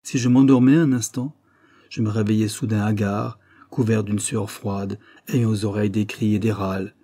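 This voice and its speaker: A man's voice: fairly low pitch, steady tone, normal speed, mellow, no echo, lightly acted. A man reading an audiobook, voicing an anguished, guilt-ridden young man who confesses and breaks into desperate outbursts. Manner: tormented, rising to desperate outbursts.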